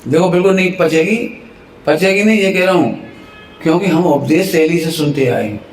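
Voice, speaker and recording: Male preacher, devotional sermon, lively storyteller who acts out domestic scenes, fairly high voice, reverberant temple hall. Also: moderate pace, a little hiss or hum. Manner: animated storytelling, acting out household quarrels; chuckles often at his own examples. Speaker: Jain preacher. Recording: echoey temple hall with faint ambience.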